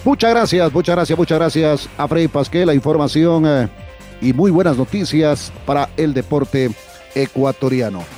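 A man with an Ecuadorian accent presenting sports news as a radio host, in a measured way. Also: a little high, dark tone, faint music behind.

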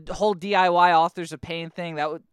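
A man's voice: high voice, fairly even intonation, quick pace, smooth, no echo, studio quality. A man co-hosting a podcast, chatting casually with a wry, joking way of talking. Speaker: podcast co-host. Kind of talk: casual chat.

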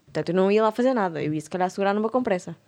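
Young woman, European Portuguese accent, casual comic storytelling, lively with frequent laughs. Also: medium pitch, rapid-fire. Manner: animated, laughs often, acts out voices in anecdotes.

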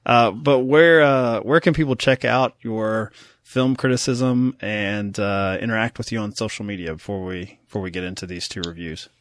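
A man's voice: fairly low pitch, fairly even intonation, normal speed, no room sound. Man, podcast host, casual film chat, dry close sound. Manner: chatty, laughing, filler-heavy.

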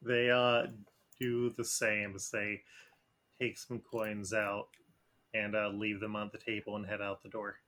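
A man narrating as game master of a tabletop game, speaking in a relaxed way with frequent fillers. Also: lowish voice, measured pace.

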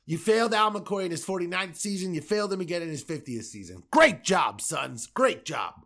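A man hosting a podcast, delivering an angry, profane solo rant that swings between loud outbursts and low muttering. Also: sing-song, brisk. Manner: angry, profane, repetitive ranting. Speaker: podcast host.

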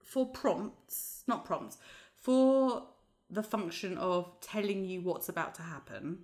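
A woman co-hosting a podcast in casual chat, chatty and quick to laugh. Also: mid-range voice. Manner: chatty, laughs often, animated asides. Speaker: podcast co-host.

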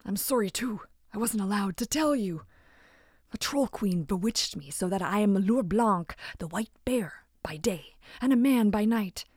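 A woman's voice: medium pitch, expressive, a little slow, a little mellow, no echo, studio quality. A woman voicing a cursed young bear-man. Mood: solemn.

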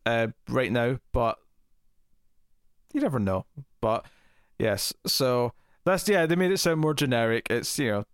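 A man of middle pitch hosts a casual podcast, rambling through updates with many "uh"s and restarts. His voice is close and dry, with no room around it. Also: a little slow, long pauses, smooth, no echo. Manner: chatty, many fillers and restarts. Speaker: podcast host. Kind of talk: casual chat.

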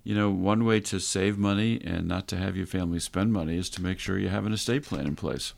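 A man's voice: low-pitched, fairly quick, vocal fry. A man hosting a conversational radio advice show, speaking instructively and straight to the listeners. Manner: instructive, addresses listeners directly.

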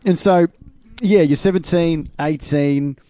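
An Australian man hosting a casual interview, telling stories in blokey, animated slang. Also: fairly high pitch, slow pace, no echo. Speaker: podcast host and music teacher.

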